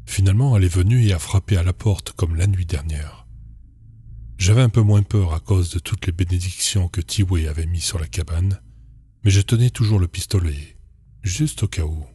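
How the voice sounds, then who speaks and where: Male horror narrator with a very low, dark voice, calm and measured reading. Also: husky.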